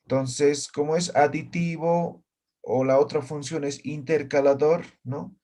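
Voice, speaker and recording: A man's voice: on the high side, steady tone, unhurried, dark tone. A man teaching a language class, patiently explaining and often checking in with his students. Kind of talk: classroom lesson.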